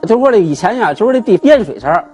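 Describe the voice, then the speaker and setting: A man, a guest telling his grievance on a TV talk show in an animated, aggrieved way. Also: high-pitched, quick pace, soft background music. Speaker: guest, husband seeking divorce. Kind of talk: emotional storytelling on a TV talk show.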